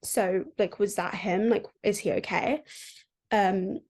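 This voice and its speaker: A woman's voice: mid-range voice, steady tone, slow pace, a little mellow. A woman co-hosting a podcast, casually recapping a book and filling her talk with "like.". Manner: chatty, heavy use of "like" fillers. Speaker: podcast co-host.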